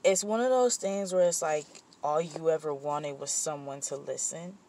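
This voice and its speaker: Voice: mid-range voice, normal speed, darkish tone. A vlogger talking candidly in a personal vent session, rambling with fillers and restarts, and turning blunt and profane when heated. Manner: candid and rambling, with frequent fillers and self-corrections.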